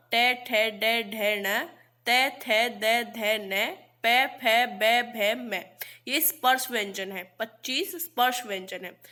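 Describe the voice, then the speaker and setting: A woman teaching a grammar lesson. She recites letters one by one, slowly and distinctly, and asks questions that she answers herself. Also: fairly high pitch, pushed and bright.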